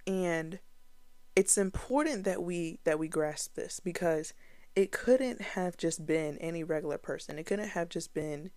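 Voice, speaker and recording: Slow-talking woman teaching the Bible. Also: on the low side, darkish tone, no echo. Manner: earnest, conversational, with fillers and restarts. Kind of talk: casual Bible teaching to camera.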